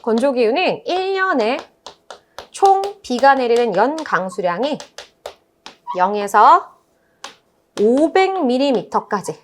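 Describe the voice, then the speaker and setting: Lively, high-pitched woman teacher. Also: slow pace, long pauses, slight background noise. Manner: lively storytelling, acts out playful voices. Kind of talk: animated lecture.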